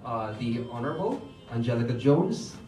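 A young man acting as master of ceremonies at a formal award ceremony, politely calling people up with many hesitant pauses. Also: mid-range voice, big pitch swings, a little mellow. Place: hotel function room, at a lectern. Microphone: lectern microphone, filmed from far off. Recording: roomy far-off hall sound with music. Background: background music.

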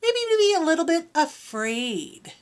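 A woman's voice: very high voice, measured pace. A woman reading a picture book aloud to children, stopping to explain new words and ask them questions. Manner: animated, asks children questions. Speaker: storybook reader for children. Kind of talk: children's read-aloud with vocabulary teaching.

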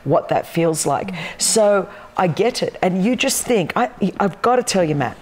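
With a lowish, expressive voice and a somewhat slow delivery, a fifty-something Australian woman shares an animated testimony as a talk show guest. She tells her story with passionate emphasis, constantly moving both hands, in a large wood-beamed studio loft.

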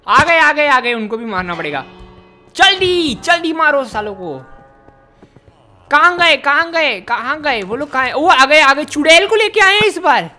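A man hosting a let's-play, giving excited commentary while yelling taunts and making playful sound effects. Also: very high-pitched, normal speed. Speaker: gaming channel host. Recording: game audio with background music.

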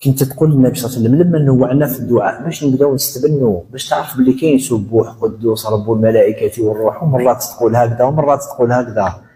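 Speaking as an educational counselor, a man with an Algerian accent gives an animated religious lecture, acting out little dialogues along the way. His mid-range voice comes rapid-fire, with roomy hall reverb around it.

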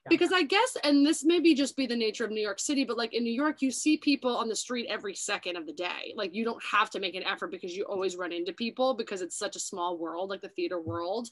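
A woman's voice: mid-range voice, fast, few pauses. A young woman hosting a casual chat, talking loosely with lots of filler words. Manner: chatty, many "like" fillers. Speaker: YouTube host. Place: New York City.

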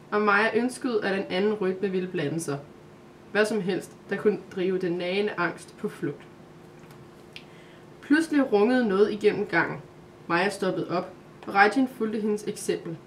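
A woman narrating a Christmas calendar story aloud, in a calm, steady way. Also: medium pitch, slight background noise.

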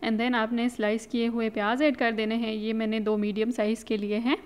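With a slightly higher-pitched voice, a woman narrates a home recipe in a relaxed, chatty, instructive voice-over, often dropping in English words. She comes across as the easygoing host of her own cooking channel, speaking smoothly and a little fast.

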